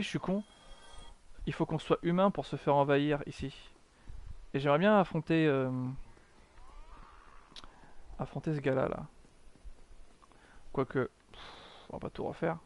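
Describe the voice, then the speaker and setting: A man giving chatty live commentary while streaming a video game, mocking himself, swearing often and answering his chat. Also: fairly high pitch.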